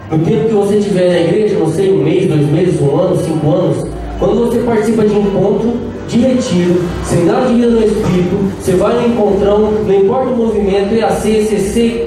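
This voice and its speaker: Heavy echo and background music surround a high-voiced, distantly recorded Brazilian lay preacher in his thirties. With a Brazilian Portuguese accent, he preaches a lively charismatic sermon live in a big prayer-group hall, joking playfully and calling out to the crowd for a response.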